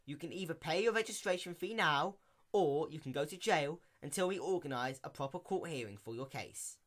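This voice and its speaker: Storybook mayor mare, played by a man: officious, exasperated, theatrical lecturer, higher register, bright edge. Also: lively intonation, a little fast. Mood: pleading, exasperated. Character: stern, weary female pony mayor, officious. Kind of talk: dramatic reading of fan fiction.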